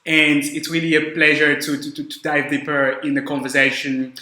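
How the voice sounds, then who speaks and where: A man's voice: a little high, little pitch movement, normal speed, pushed and bright. A young man hosting a business podcast, speaking with many fillers and repeated words. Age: young adult. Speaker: podcast host. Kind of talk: podcast interview. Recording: echoey room.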